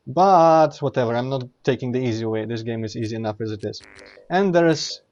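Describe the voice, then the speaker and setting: A man's voice: medium pitch, a little mellow, dull audio. A man giving casual let's play commentary, explaining things in a rambling way and often correcting himself mid-sentence. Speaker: streamer playing and commenting.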